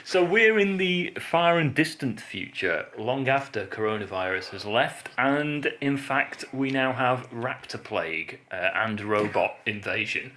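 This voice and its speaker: A man's voice: mid-range voice, expressive, a little slow, few pauses, pushed and bright. A man co-hosting a comedy podcast with a Northern English accent, rambling and giggling in casual chat. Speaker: podcast co-host. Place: bare echoey room at home. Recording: echoey room with noise.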